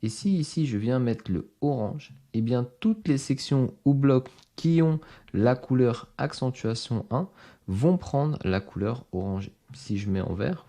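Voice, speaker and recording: A man walking viewers step by step through a software screen-recording tutorial as instructor, explaining each setting directly to them. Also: medium pitch, gravelly. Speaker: online course instructor.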